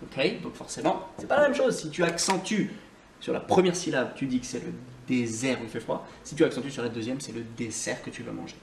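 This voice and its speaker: A man teaching in a relaxed video lesson, pausing often with fillers and repeating words slowly. His voice sits at a middle pitch and sounds a little distant from the mic. The room is echoey, with a faint hiss behind him. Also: creaky. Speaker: English teacher. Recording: roomy echo, voice off-mic, faint noise.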